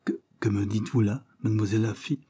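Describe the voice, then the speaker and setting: A man's voice: lowish voice, steady tone, fast, mellow, slightly rough. A man voicing a lovesick, anxious shopkeeper, stammering and pleading in an audiobook.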